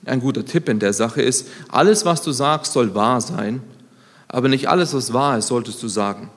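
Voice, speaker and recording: A man in his thirties preaching a sermon, lively and conversational, swinging between loud emphatic lines and quiet, low asides. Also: normal speed. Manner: conversational, self-deprecating asides. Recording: long hall reverb.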